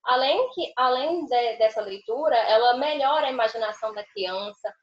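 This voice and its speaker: A woman's voice: a little high, moderate pace. A Brazilian Portuguese-speaking woman giving a student seminar presentation, reading a quotation and then explaining it. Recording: roomy, dull lo-fi call audio.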